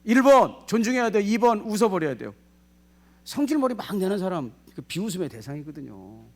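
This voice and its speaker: Lively higher-voiced male pastor preaching. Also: brisk. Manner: lively, asks the congregation questions, acts out quoted speech. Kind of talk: sermon.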